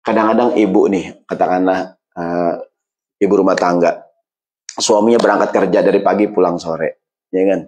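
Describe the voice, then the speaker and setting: A man gives a casual, humorous sermon. He keeps asking the listeners whether they agree, acts out everyday quarrels in different voices, and slows down for Quranic Arabic phrases. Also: sits low, fairly even intonation, darkish tone. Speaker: preacher.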